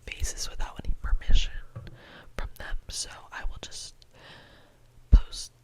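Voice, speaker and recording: A young adult speaking in a cupped-hand ASMR whisper, close and breathy, rambling casually and repeating phrases. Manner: repeats phrases slowly for effect. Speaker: ASMR creator.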